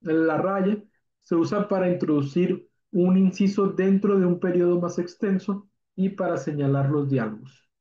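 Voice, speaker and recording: Chatty teacher, filler-laden, echoey recording. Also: male voice, sits high, normal speed, dark tone. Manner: informal and chatty, with many "eh" fillers and tag questions. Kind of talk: recorded spelling and punctuation lesson. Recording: dull, echoey classroom audio.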